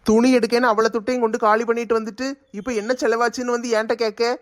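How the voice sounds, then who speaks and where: Fast flat-voiced grumpy cartoon husband, voiced by a woman. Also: on the high side, lightly acted. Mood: irritated. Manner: grumbling, sarcastic, fast rant. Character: grumpy stingy husband, irritable man.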